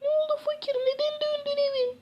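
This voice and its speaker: A woman's voice: very high voice, little pitch movement, fairly quick, highs cut off, pitched above the performer's own voice. A woman putting on a caring young wife in a game parody, sweet and affectionate. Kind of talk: game parody role-play.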